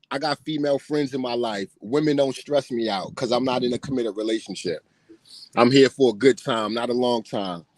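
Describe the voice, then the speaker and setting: A man's voice: medium pitch, dry recording, poor audio. Blunt man in his late thirties. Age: 30s. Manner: blunt, emphatic, tags nearly every point with "right?"; profane, repeats himself when pressed. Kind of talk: casual ranting monologue.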